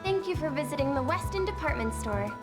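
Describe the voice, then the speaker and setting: A store PA announcer over a loudspeaker. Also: female voice, high-pitched, animated, brisk, loud music behind the voice. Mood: polite. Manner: polite, formal announcements. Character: polite female store PA announcer. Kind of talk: video game voice acting.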